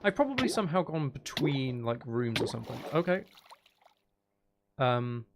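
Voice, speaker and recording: Playing Minecraft, a gaming video creator rambles casually and thinks out loud about what he's doing. He has a mid-range, sing-song voice at normal speed, with background noise audible.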